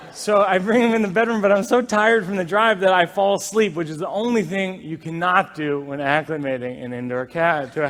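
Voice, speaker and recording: A man doing stand-up storytelling in a wry, animated, self-deprecating way. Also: on the high side, big-room sound. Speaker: stand-up comedian.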